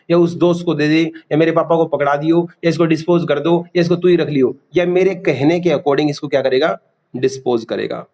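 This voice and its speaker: A man's voice: fairly high pitch, darkish tone. A man teaching a class, quizzing students and repeating key terms. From India. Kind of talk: classroom lecture.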